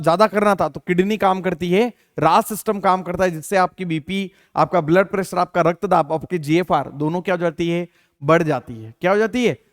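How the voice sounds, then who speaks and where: A man with a high voice teaches a Hindi exam-prep biology lesson, recorded cleanly in a studio with no echo. He questions his students and answers himself, repeats the key terms, calls listeners "beta," and leans heavily on fillers like "theek hai."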